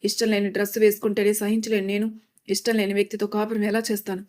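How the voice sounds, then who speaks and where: A woman's voice: medium pitch, level tone, fast talker, darkish tone, natural voice. A woman voicing a frightened young woman running away from an arranged marriage, speaking anxiously. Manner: pleading, anxious.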